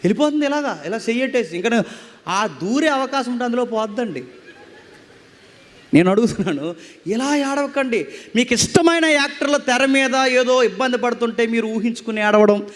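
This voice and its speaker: A man's voice: very high voice, animated, normal speed. A male pastor preaching a sermon to a congregation in a church hall, pressing them with repeated rhetorical questions. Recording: long hall reverb.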